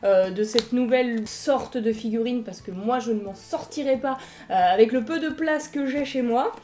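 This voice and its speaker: A woman's voice: high-pitched, darkish tone. A young French woman chatting enthusiastically as she unboxes collectible figurines in a casual vlog. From France.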